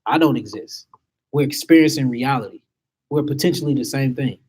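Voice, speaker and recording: A man's voice: medium pitch, fairly quick, darkish tone, a little hiss or hum. A man giving an emphatic spiritual lecture to a small group, asking his listeners rhetorical questions.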